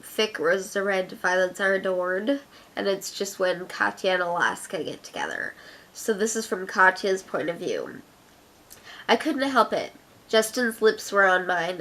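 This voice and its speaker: This vlogger is a young woman from Canada who speaks with an Ottawa accent in a mid-range, fairly bright voice. The recording is rough, and she chats through an accent challenge before giggling her way through a reading of her own fiction.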